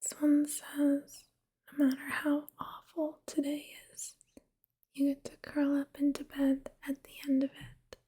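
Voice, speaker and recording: A woman giving a whispered ASMR pep talk, speaking gently and reassuringly in a soft, unvoiced whisper. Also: high-pitched, monotone, a little slow.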